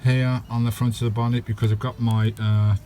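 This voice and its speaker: Soft background music plays under a mid-range, dark-toned male voice that's brisk and flat in delivery. With an English accent, he talks casually and matily to viewers using colloquial phrasing as he demonstrates a radio installation around his parked campervan, captured on a handheld camera mic.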